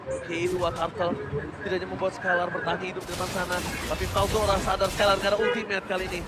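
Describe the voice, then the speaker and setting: A man's voice: high-pitched, level tone, quick pace. A man with an Indonesian accent casting an esports match like a fighting game announcer, dramatic, with English catchphrases mixed in. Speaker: esports play-by-play caster. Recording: loud crowd and arena noise behind. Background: cheering crowd, loud event noise.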